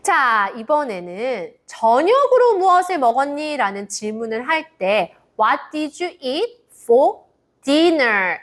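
A woman teacher with a high, lively voice leads a children's English lesson in a sing-song manner. She speaks at an unhurried pace and draws out each English phrase slowly.

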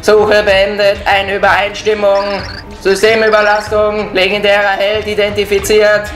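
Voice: medium pitch, monotone, a bit bright, reverberant, soft background music, natural voice. A player putting on a stern security robot. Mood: formal. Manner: slow, clipped machine-like announcements. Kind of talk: let's play, reading game text aloud.

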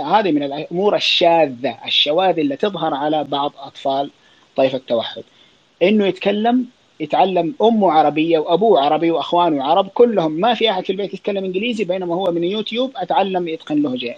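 A man with a Saudi accent, a child psychiatrist, answering listener questions in a relaxed spoken Q&A, explaining with fillers and quick restarts. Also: fairly high pitch, slightly rough, lo-fi sound. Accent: Saudi Arabic. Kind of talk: casual spoken Q&A on an online audio space.

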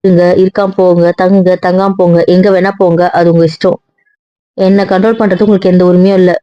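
Woman doing a stern young wife, firm scolding, quick, dry dull sound. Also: fairly low pitch, flat delivery, dry recording, natural voice. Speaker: angry wife in audio drama. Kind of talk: Tamil audio drama acting.

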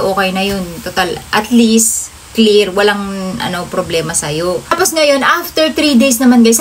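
A woman's voice: fairly high pitch, a little hiss or hum, low-quality recording. A woman telling a personal story to her viewers in a casual vlog, often calling them guys. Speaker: vlogger.

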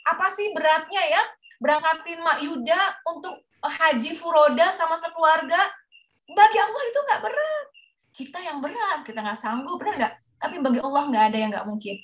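A woman in her thirties speaks in a high, bright register, telling her listeners about her own goals in a chatty, animated way. She gives a motivational webinar talk over a video call from home. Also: brisk, slight background noise.

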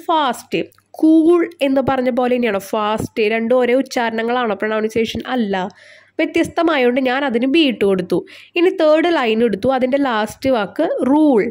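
A woman teacher explaining a lesson step by step, asking questions and answering them herself. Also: on the high side. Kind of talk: tutorial lesson.

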